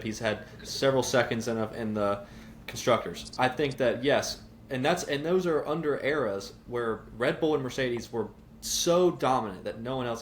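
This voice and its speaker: Southern guy on a podcast, middle pitch, talks firm and keeps arguing his case, bit of faint hiss behind. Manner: firm, argues his points at length. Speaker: podcast co-host. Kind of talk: casual debate on a podcast.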